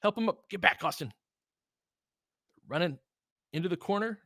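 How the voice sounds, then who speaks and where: A man's voice: high voice, animated, moderate pace, bright, forceful tone, no echo, clean studio sound. A man doing casual live basketball play-by-play and analysis, chatting informally with listeners and urging the players on like a fan. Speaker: host of a basketball film-room audio stream.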